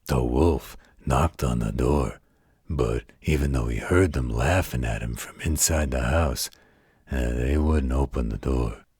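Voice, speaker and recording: A man voices a werewolf in an exaggerated, extremely low, deep, gravelly, and husky tone, gruff yet gentle and protective. In this close, dry-recorded bedtime roleplay, he tells a story in a slow, patient, folksy drawl full of colloquial turns of phrase.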